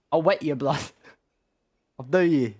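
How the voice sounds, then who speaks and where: A man's voice: a little high, darkish tone, no echo, studio quality. A man streaming a game who rambles casually with lots of swearing and restarts. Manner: rambling, profane, many restarts.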